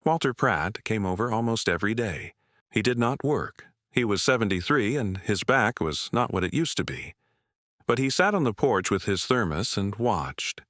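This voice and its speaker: A man narrating a first-person story in a measured, unhurried way. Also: on the low side, expressive, fairly bright tone, no room sound, clean studio sound.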